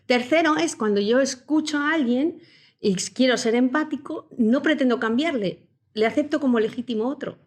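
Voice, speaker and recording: A woman executive coach explaining ideas step by step in a calm conversational interview. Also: high voice, moderate pace. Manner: warm, methodical, explains step by step. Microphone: podcast studio microphone.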